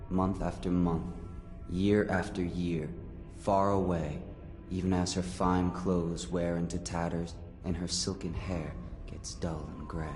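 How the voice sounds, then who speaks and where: A cryptic otherworldly being for a video game. His low voice is portentous and taunting, drenched in echo, with music playing underneath. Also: a little mellow. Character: cryptic, aloof supernatural male being who sees futures. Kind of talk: video game dramatic monologue. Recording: echoing reverberant hall, music behind.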